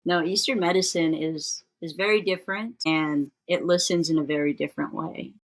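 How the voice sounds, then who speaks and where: A woman with a notably low-pitched voice hosts a podcast interview. She talks casually and in a relaxed way, affirming her guest and nudging the talk forward with easy questions. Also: normal speed. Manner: warmly affirming, relaxed, conversational. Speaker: podcast host.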